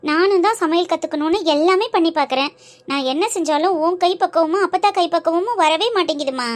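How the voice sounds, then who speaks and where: A woman plays a bubbly young daughter in a homely cartoon. She chatters and coaxes her mother in a playful way. Her voice sits very high. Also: brisk. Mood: chatty. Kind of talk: cartoon voice acting.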